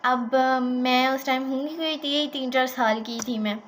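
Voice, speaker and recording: A woman with a high voice tells a childhood story in a casual vlog. She is animated and chatty and slips English words into her talk. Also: measured pace, slight background noise. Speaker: vlogger.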